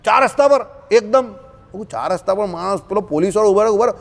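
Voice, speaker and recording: A man's voice: sits high, fast talker, gravelly, a little mellow. A man giving a religious scripture discourse in a conversational way, mixing in folksy anecdotes and checking in with his listeners often. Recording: long hall reverb.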